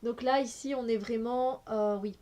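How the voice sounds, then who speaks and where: A woman's voice: on the high side, steady tone, normal speed, mellow. A woman with a cold, reviewing an oracle card deck in a casual, hesitant way with many fillers. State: has a cold.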